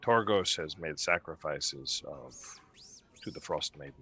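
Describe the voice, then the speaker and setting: A man's voice: extremely low pitch, unhurried, sharp tone, breathy edge, voice pushed down, exaggerated voice. A man voicing a polite, wary human innkeeper in a tabletop game, with courteous, slightly nervous speech. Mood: hushed.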